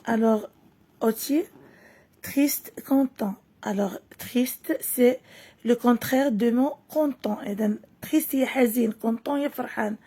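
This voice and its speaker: A Moroccan woman teacher reads a French lesson text slowly and clearly, then explains it quickly in Moroccan Arabic. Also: fairly high pitch, dark tone. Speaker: primary school French teacher. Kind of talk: reading lesson, slow read-aloud with explanations.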